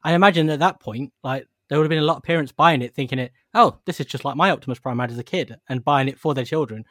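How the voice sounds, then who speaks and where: A man chatting casually on a podcast, animated, jokey and nostalgic. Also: mid-range voice, fast talker, no echo, clean studio sound. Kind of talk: casual chat about collectible toys.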